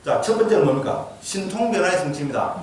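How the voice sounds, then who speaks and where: Speaking quickly and animatedly in a high voice, a Gyeongsang-accented monk delivers a dharma lecture. He often asks the audience questions and tags on "geujyo?" to check they're following. The sound comes from far off in an echoey temple lecture hall.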